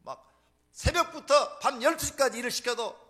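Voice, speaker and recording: Brief: high-pitched male pastor, bright ringing tone, fervent sermon delivery with loud climaxes. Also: normal speed. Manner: fervent, swings from hushed to shouted exhortation.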